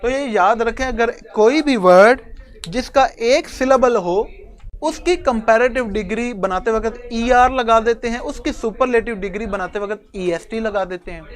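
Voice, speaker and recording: A man teaching an English grammar lesson to a class, explaining step by step and addressing his students fondly. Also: very high voice. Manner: chuckles now and then.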